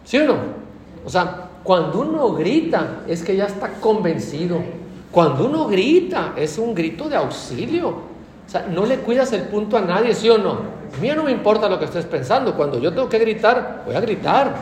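A Mexican Spanish preacher delivers a sermon in a high, animated voice, swinging his pitch widely as he keeps asking his listeners questions. He is recorded in an echoey room with faint ambience behind him. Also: normal speed, slight background noise. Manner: animated, asks the congregation questions.

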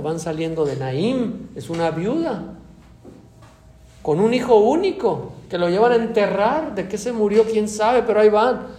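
A man preaching a sermon, dramatic, swinging from soft asides to loud emphatic peaks. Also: fairly high pitch. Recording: echoey room with faint ambient noise.

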